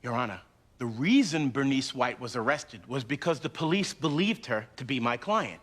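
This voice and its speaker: A man's voice: medium pitch, lively intonation, normal speed, a bit bright. An actor playing a defense lawyer who pleads his case to a judge in an urgent, indignant way. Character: passionate male defense lawyer, combative. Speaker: defense attorney arguing in court. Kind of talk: TV legal drama acting.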